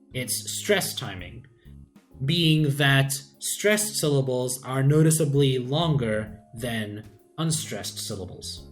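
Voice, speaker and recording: A man explaining the sound system of his invented language in a casual, thinking-aloud way, pausing often with "uh". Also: mid-range voice. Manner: unhurried, thinking aloud with many "uh" pauses. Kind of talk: casual screen-share explainer. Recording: faint background music.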